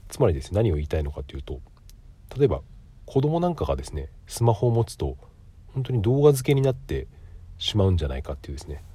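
A middle-aged man with a cold hosts a casual solo podcast, his low voice nasal and stuffy, mellow and a little rough. He talks quickly with big swings in pitch, explaining things politely and pausing often for fillers. The recording has no echo.

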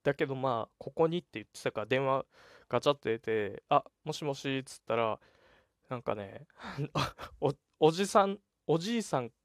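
A young man in his twenties casually telling a story on his solo talk show, animated and chatty, acting out the quoted lines. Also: mid-range voice, moderate pace, no echo, clean studio sound. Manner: chatty, animated retelling with laughs and voiced quotes. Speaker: podcast host.

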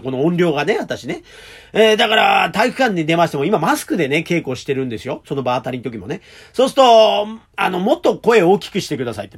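A stage performer hosting his own talk show, telling stories in a chatty, animated way with polite old-fashioned phrasing and self-deprecating humor. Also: a little high, slightly rough. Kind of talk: casual solo talk.

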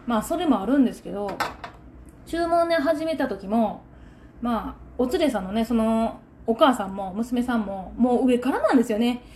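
A woman's voice: a little high, moderate pace, slight background noise. A woman with a Kansai accent, a takoyaki shop owner, vents indignantly about a customer in a solo podcast monologue. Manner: indignant venting, animated.

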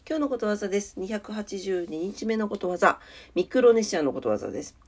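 A woman's voice: medium pitch, expressive, fast. A woman with a congested, nasal voice hosting a casual morning radio-style show in a polite, chatty way. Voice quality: nasal, stuffed-up voice. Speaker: solo morning audio show host. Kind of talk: casual morning radio-style chat with weather and daily notes.

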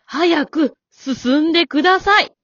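A woman's voice: sits high, unhurried, a bit bright, no room sound. A woman voicing a stern, composed elderly wife in an amateur radio drama, polite and cool with a scolding edge. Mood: calm. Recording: dull dry lo-fi recording.

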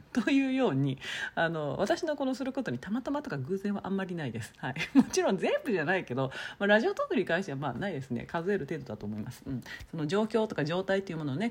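A woman hosting a solo talk show, chatting casually and deliberately dropping in Nagoya dialect and thinking pauses. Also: mid-range voice, slightly rough. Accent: Nagoya dialect touches. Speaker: podcast host.

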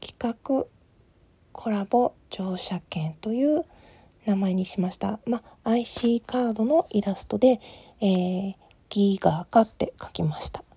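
A woman host whispering softly through a calm late-night solo talk, with many small fillers. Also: medium pitch, unhurried, breathy edge, no echo. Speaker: podcast host.

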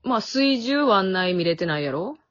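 A woman's voice: medium pitch, animated, moderate pace. A young woman with a Kansai accent chatting on a podcast from her family home over a remote call, easygoing and self-deprecating. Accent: Kansai Japanese. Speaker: podcast co-host. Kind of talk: casual chat. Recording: dull lo-fi audio.

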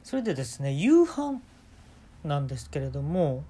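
A man with a Kansai accent telling an absurd story in a rambling, deadpan way as the host of a talk show. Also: fairly high pitch, normal speed, slightly rough. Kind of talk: comic storytelling monologue.

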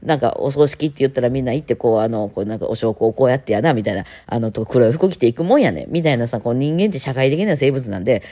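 Woman, Kansai accent, chatty solo talk, quick delivery, warm mellow tone. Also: a bass voice, animated. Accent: Kansai Japanese. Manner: chatty, rambling, playful mimicry. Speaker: violinist and podcast host.

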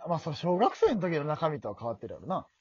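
A young man with a Kansai accent trading deadpan, teasing retorts in a casual comedy podcast. His pitch moves lively through the banter, and the recording sounds dull and lo-fi. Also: quick pace, slightly rough, no echo. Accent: Kansai Japanese. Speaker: podcast guest.

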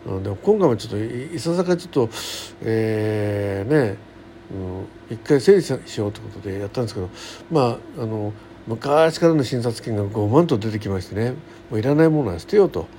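Hosting a solo radio show, a middle-aged man rambles through daily-life anecdotes in a casual, folksy, colloquial way. His voice is fairly low and mellow, with lively intonation and a slightly fast pace. There's faint background noise.

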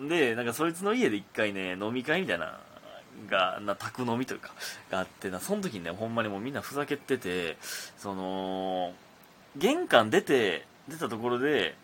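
Husky young Kansai man, rambling animated chat. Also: medium pitch. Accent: Kansai Japanese. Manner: rambling, many fillers, animated. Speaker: radio talk host, comedian. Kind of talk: casual solo chat.

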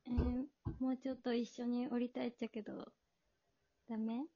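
A woman playing a shy, clingy young girlfriend in a soft, pleading Hakata dialect. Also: on the high side, flat delivery, moderate pace, no echo, dull audio. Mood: coy, pleading.

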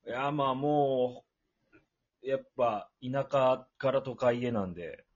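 A man's voice: mid-range voice, slow, a little mellow, highs cut off. A young man co-hosting a casual podcast, rambling easily and acting out his own reactions. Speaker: podcast co-host. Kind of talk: casual chat.

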